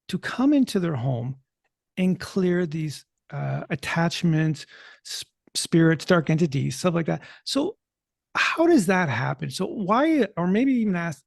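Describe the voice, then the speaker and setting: A man hosting a podcast interview, asking long winding questions with quick restarts. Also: on the high side, vocal fry, dry recording, studio quality. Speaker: podcast host. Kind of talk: casual interview chat.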